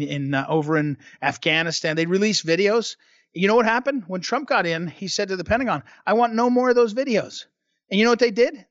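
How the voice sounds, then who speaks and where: A man's voice: high-pitched, fairly bright tone, no echo, dull audio. A man filling in as a talk radio host, arguing a point in a rambling monologue that keeps restarting sentences.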